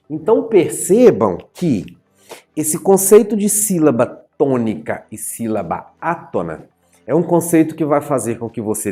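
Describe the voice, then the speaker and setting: A male teacher giving an animated writing and grammar lesson at a whiteboard, playfully addressing his students and stretching out key words as he explains. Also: mid-range voice. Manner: animated, playfully addresses viewers as "senhores, senhoras e senhoritos". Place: in front of a whiteboard.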